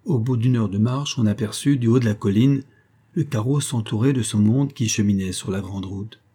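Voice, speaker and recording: Low, dark, husky male narrator. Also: normal speed. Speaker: audiobook reader. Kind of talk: scripted narration.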